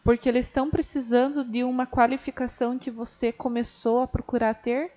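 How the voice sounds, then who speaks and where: A woman's voice: on the high side, little pitch movement, brisk, darkish tone. A woman, a guest on a podcast, talking earnestly and encouragingly in long run-on sentences. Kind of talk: casual chat. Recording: muffled lo-fi audio.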